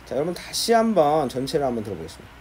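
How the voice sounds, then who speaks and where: A man's voice: fairly high pitch, big pitch swings, very fast, darkish tone, slight background noise. A man teaching English phrases in Korean, explaining patiently and repeating key phrases for his students.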